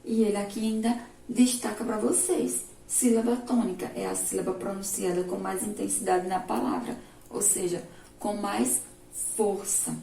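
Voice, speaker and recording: A woman primary school teacher with a Brazilian Portuguese accent, giving a remote lesson slowly, step by step, and asking the class questions. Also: medium pitch, fairly even intonation, gravelly, dark tone. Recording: echoey room, distant mic, faint noise.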